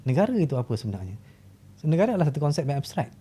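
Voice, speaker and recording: A Malaysian man, a historian guest on a podcast, explaining in a fast way and often asking and answering his own questions. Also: fairly high pitch, sing-song, dark tone, slightly rough. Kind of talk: podcast interview.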